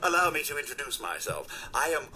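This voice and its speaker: Polite robot butler, formal and courteous, high lively voice, faint game ambience. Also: male voice, fast, slight background noise, heavily acted. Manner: courteous, crisp, eager to serve.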